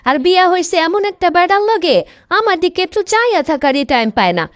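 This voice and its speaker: A vain young cartoon wife, voiced by a woman, grumbles sassily in a high voice with a Bangladeshi Bengali accent. She talks in a chatty, complaining way. The recording is dry and close. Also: sing-song, brisk, no room sound. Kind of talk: comic cartoon monologue.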